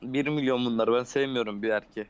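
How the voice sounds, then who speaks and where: Fast-talking brash young man gaming. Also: mid-range voice, steady tone, smooth. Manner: brash, boastful, swears constantly. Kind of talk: casual gaming voice chat.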